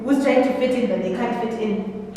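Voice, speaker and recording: A woman's voice: on the high side, a little fast, mellow. A woman with a Zimbabwean accent in casual, opinionated chat, speaking emphatically and repeating phrases to drive points home. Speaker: YouTube vlogger. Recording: echoey reverberant room, distant mic, faint noise.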